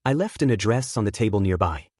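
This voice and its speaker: A man's voice: on the low side, animated, fast, darkish tone, no echo, clean studio sound. A man reading the part of a tough martial arts master who talks in a somber, heavy way. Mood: sick.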